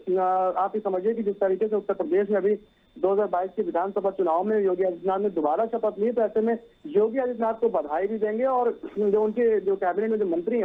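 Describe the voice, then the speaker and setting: A male news correspondent reporting live, talking in long sentences with frequent fillers and restarts. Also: high voice. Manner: repeats "सीधे तौर पर" and "आप समझिए", many fillers and restarts. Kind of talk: live news report over a phone line. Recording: tinny phone line.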